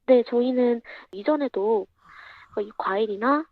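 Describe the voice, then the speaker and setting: A young woman speaking as an interview guest over a remote line, her voice disguised by a pitch-changing filter, answering in a quiet, measured way. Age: young adult. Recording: dull, muffled remote line.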